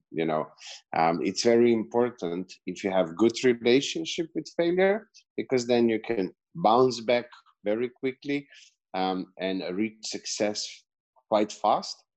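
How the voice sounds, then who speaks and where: Slovenian guy, chatty podcast guest, lots of ums and restarts, lowish voice. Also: darkish tone, rough recording. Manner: rambling, chatty, many fillers and restarts. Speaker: podcast guest, business coach. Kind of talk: casual interview answer.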